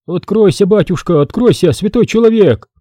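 A frail, toothless old village woman, as a male narrator puts her on, mumbling her words in a high, pleading wail. The voice is husky and dark underneath the raised pitch, and the recording is dry and close, with no room sound. It suits a historical audiobook read aloud. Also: expressive, normal speed, no room sound. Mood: lamenting. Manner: lamenting, then shrill and threatening.

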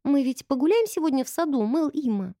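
A woman's voice: sits high, lively intonation, fairly quick, dark tone, no room sound, studio quality, voice pushed up. A woman voicing a little girl who wheedles and pleads in a sweet, obedient tone. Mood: innocent.

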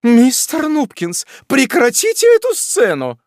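A man doing a shrill scolding matron. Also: huge pitch swings, unhurried, no room sound, clean studio sound, full character voice. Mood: indignant. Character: indignant pompous middle-aged wife of a judge.

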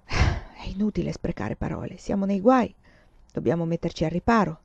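A woman voicing a calm, practical male nobleman on the run, speaking tersely and matter-of-factly. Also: lowish voice, normal speed, gravelly, breathy edge, dry recording, dull audio, full character voice. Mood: tense.

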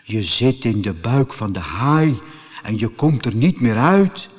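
A man voicing a calm talking tuna fish in a storybook reading, unhurried. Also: medium pitch, big-room sound. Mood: gloomy.

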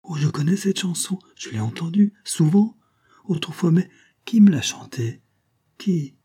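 A man's voice: a little high, moderate pace, husky, voice pushed up. A man putting on a breathless innocent young woman. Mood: excited. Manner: breathless, trembling, excited whispers.

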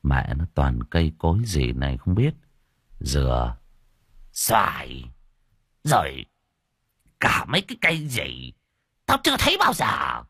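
A man's voice: a bass voice, huge pitch swings, measured pace, pauses often, a bit bright, husky, dry recording, clean studio sound, voice pushed down, heavily acted. A man voicing a crude, sly old man who talks coarsely and bluntly. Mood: grumbling.

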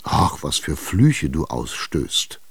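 A man's voice: a bass voice, very animated, creaky, breathy edge, dry recording, full character voice. A man doing a fretful, whining old widow. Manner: slow, hesitant, whining. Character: fretful, stubborn old female landowner widow. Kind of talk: radio drama reading.

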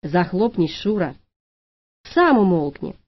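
A woman's voice: on the low side, big pitch swings, slow pace, husky, no room sound, exaggerated voice. A woman voicing a rude, mocking young female thief who taunts with crude insults, in an audiobook. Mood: taunting. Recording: dry, slightly dull lo-fi audiobook.

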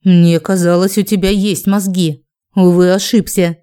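A woman voicing a cold, proud male dragon in an audiobook, speaking slowly and with contempt. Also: high-pitched, little pitch movement, warm tone, clear, resonant tone. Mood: contemptuous. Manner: slow, contemptuous, menacing.

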